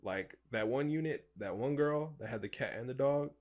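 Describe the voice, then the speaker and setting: A man's voice: mid-range voice, moderate pace, a little mellow. A young man co-hosting a podcast, talking in a laid-back, slangy way and quoting friends as he tells stories. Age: young adult. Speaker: podcast co-host. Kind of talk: casual storytelling chat.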